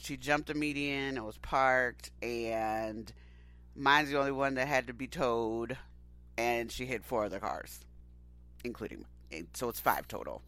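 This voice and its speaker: A man in his forties co-hosting a podcast, telling stories in an animated, expressive way. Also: mid-range voice, a little slow, clean tone, no room sound. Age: 40s. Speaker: podcast co-host. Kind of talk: casual chat.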